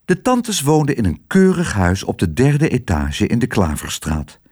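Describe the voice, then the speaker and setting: A man's voice: mid-range voice, very animated, normal speed, darkish tone, husky. A man narrating a children's storybook expressively, switching between character voices. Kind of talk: storybook reading.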